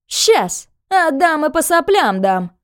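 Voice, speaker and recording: A woman's voice: very high-pitched, fairly even intonation, a little fast, pitched above the performer's own voice. A woman voicing a scheming, two-faced middle-aged landlady who shrieks and then turns sugary. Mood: shrieking.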